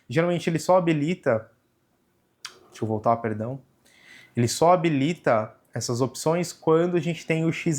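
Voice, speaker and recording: Um homem jovem com sotaque brasileiro, explicando passo a passo o menu de uma câmera num tutorial descontraído, com muitos "né" e "tá". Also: male voice, fairly high pitch. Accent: Brazilian Portuguese. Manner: relaxed, explains step by step with frequent "né" and "tá". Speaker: camera tutorial host. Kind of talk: casual hands-on tutorial. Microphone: camera microphone.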